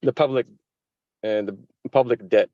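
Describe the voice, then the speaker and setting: A man's voice: mid-range voice, moderate pace, no echo. Male defendant, insistent, repetitive, stumbling; dull, dry lo-fi audio. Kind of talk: arguing in court.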